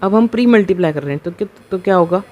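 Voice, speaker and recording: A man's voice: sits high, expressive, lo-fi sound. Patient man lecturing step by step. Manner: keeps asking rhetorical questions and checking with "ok?"; patient and step-by-step, slowing on key terms. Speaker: maths teacher. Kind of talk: board lecture explaining a proof.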